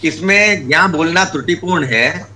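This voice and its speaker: A man's voice: a little high, normal speed, crowd noise. A man teaching an online Sanskrit class over a video call, patiently explaining step by step and repeating key terms.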